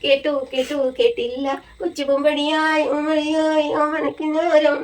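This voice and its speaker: A woman with a very high voice coos to a baby in sing-song baby talk. She is a grandmother talking at home, and a faint hiss sits under her voice. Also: little pitch movement, unhurried, recorded from a distance. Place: family home indoors.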